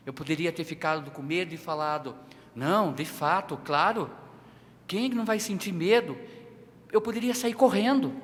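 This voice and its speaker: A man with a Brazilian Portuguese accent preaching a personal testimony sermon, his delivery emotional and dramatic, swinging from loud to hushed. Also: fairly high pitch, a little hiss or hum. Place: church sanctuary. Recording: reverberant church hall.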